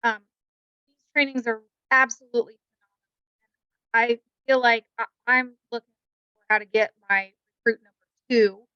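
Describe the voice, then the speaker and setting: A woman's voice: a little high, fairly even intonation, normal speed, pauses often, smooth, no room sound. Woman with glitching, breaking-up call audio. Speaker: webinar participant asking a question. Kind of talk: question on a group video call. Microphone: video call. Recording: dull, lo-fi online call.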